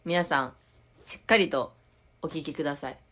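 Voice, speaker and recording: A woman's voice: low-pitched, normal speed, fairly bright tone. Giggly young woman with a Tokushima accent. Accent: Tokushima dialect. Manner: giggly, reads viewer comments aloud, chatty. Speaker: idol livestreamer. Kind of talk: casual live-stream chat with viewers.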